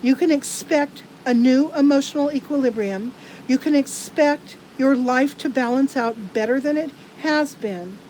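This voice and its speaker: High-voiced woman giving halting card readings. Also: darkish tone, slight background noise, rough recording. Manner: halting, many restarts. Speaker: tarot card reader. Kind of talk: live-streamed card reading.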